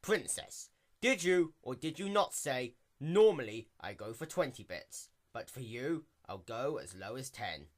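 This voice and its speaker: A narrator doing a storybook pony guard, stoic and officious. The lines come out formal and deadpan, in a medium-pitched voice. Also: unhurried. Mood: stoic officialdom.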